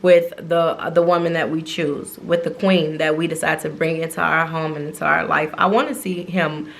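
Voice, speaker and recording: A woman's voice: sits low, little pitch movement, moderate pace, creaky, slight background noise. A woman co-hosting a couple's channel, chatting casually and playfully, often laughing. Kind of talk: casual chat.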